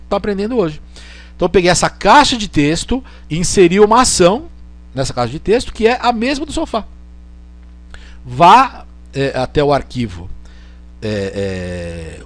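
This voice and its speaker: A man's voice: sits high, sing-song, unhurried, no room sound. A man from Brazil giving a casual online lecture with a screen demo, chatty and joking, often checking in with the listener.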